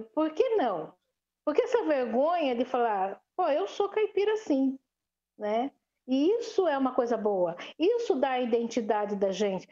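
A woman from Sorocaba with a sing-song São Paulo interior caipira accent, her voice pitched fairly high yet mellow and soft in tone. She talks freely in an interview, animated, stumbling through fillers and restarts as she thinks aloud. The recording sounds dull and lo-fi. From Sorocaba, São Paulo state, Brazil. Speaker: historian interviewee. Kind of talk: casual interview.

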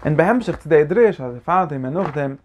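A man teaching a religious lecture in an animated way, often restarting his sentences and breaking into emphatic bursts. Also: fairly high pitch, rapid-fire, dull audio, a little hiss or hum. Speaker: Torah teacher.

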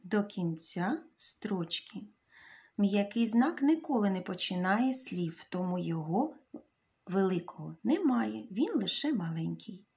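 A woman's voice: medium pitch, lively intonation, unhurried, creaky, darkish tone. A woman teacher giving a children's reading lesson, carefully sounding out letters and syllables and addressing the children directly.

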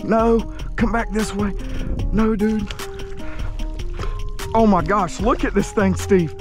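A man in his thirties fishing from a kayak outdoors, shouting excited commentary into an action camera as he hooks fish. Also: high voice, slow, over music. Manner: exclaims loudly while fighting fish. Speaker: fishing video host. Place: kayak on open water outdoors.

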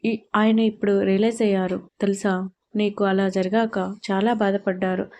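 A woman's voice: medium pitch, level tone, moderate pace, darkish tone, natural voice. A woman reading a tender young husband. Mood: coaxing.

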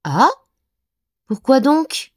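A woman voicing a cheerful, friendly male beaver in a storybook, bright and a little puzzled. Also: mid-range voice, big pitch swings, a little slow, voice pushed up.

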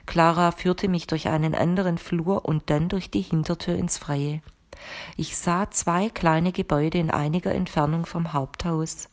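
A woman with a low voice reads a first-person audiobook. Her delivery is measured and even, keeping a steady storytelling pace. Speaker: audiobook narrator. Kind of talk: first-person scripted narration.

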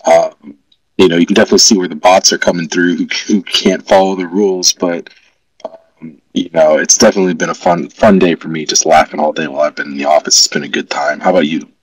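A man's voice: low voice, flat delivery, fast, no echo, far from the mic, poor audio. A man talking upbeat and enthusiastic in a casual online audio chat, on a headset mic from his office. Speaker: crypto project community member.

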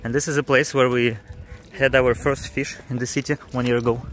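A man's voice: mid-range voice, little pitch movement, a little fast. A man casually chatting to viewers in an upbeat travel vlog, filmed outdoors in a seaside town. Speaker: travel vlogger. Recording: outdoor street noise.

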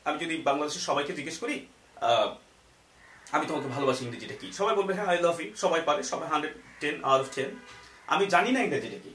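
A man's voice: fairly high pitch, animated, a little fast, fairly bright tone, roomy sound, a little hiss or hum. A man with a Bangladeshi accent, teaching a comic English lesson to a live audience and laughing as he leads chanted drills. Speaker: English language trainer.

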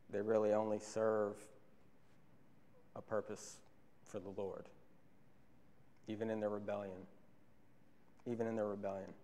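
A man's voice: fairly low pitch, warm tone. A young man preaching a sermon from a church pulpit into a stand microphone, earnest and repeating key phrases for emphasis. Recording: long church hall reverb.

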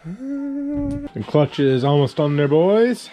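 A man's voice: high-pitched, big pitch swings, slow, noisy background. A man in his thirties from Newfoundland, hosting a casual shop vlog with laid-back, joking banter in a small garage workshop. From Newfoundland, Canada. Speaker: vlog host.

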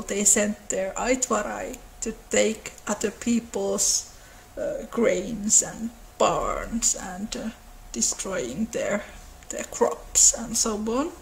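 Sitting in a living room by a window, a woman in her thirties with a Finnish accent talks casually to camera about folklore for her mythology channel. She has a mid-range, gravelly voice and speaks slowly and thoughtfully, laughing softly and restarting now and then. A little hiss or hum runs through the rough recording.

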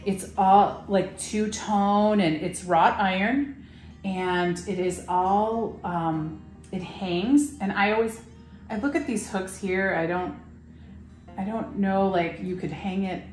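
A woman's voice: mid-range voice, slow, a little mellow, faint music behind. Woman in her thirties, shop host, enthusiastic casual showcase, roomy echo. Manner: chatty and enthusiastic, lots of fillers. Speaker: shop host presenting items for sale. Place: indoor shop room full of farmhouse decor.

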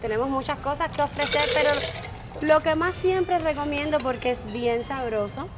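A young woman bartender answers a host's questions in a relaxed, friendly way, her voice pitched a little high. She explains the drinks plainly from behind an open-air bar, with loud music behind her. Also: moderate pace. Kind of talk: casual interview answers.

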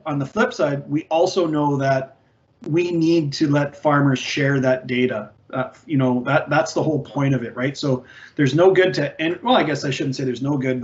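A fairly high-voiced man in his forties talks over a video call, chatty and halting, full of ums and restarts. The audio is dull and lo-fi, like a typical online meeting. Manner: conversational, many fillers and restarts. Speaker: ag tech company representative. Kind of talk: video call panel discussion. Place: indoors, virtual background.

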